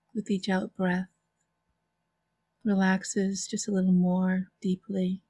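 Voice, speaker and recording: Mellow, very slow woman guiding relaxation. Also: fairly low pitch, slightly rough, dry recording. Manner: soft, soothing, unhurried delivery with long pauses. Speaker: interview guest, author and hypnotherapy practitioner. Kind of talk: guided relaxation visualization.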